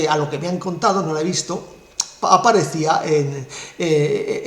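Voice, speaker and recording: Scornful commentator, echoey. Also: male voice, on the high side, fairly bright tone. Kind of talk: political commentary monologue. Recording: roomy echo.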